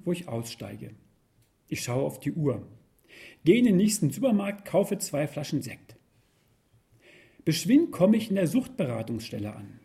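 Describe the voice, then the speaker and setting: A man reading a first-person story aloud with wry, expressive storytelling. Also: on the high side, gravelly. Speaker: narrator.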